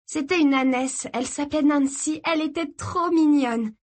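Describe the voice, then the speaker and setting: A woman voicing an excited, chatty teenage girl who talks high and eagerly in a read-aloud story. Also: lightly acted. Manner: high, eager, quick to defend.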